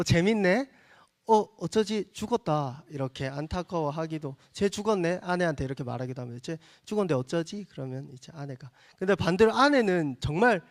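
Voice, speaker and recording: A male pastor preaching a sermon to young adults, earnest, acting out little asides as he explains the passage. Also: a little high.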